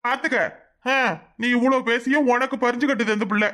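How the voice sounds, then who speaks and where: A high-voiced performer playing a stern middle-aged man who firmly lectures his family in a TV-serial-style dub. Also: steady tone, brisk, pushed and bright, natural voice. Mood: calming. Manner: firm, lecturing. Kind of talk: Tamil TV-serial dialogue dubbing.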